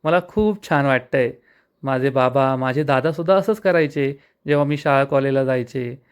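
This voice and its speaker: A man reading the lines of a brisk, sensible young married woman in a slightly raised voice. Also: mid-range voice, clear, resonant tone, natural voice.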